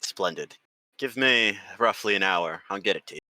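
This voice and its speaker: Man playing a jovial burly cook for a tabletop game, low and bright, booming. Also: lively intonation, normal speed, no room sound, low-quality recording. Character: hearty burly male mansion cook.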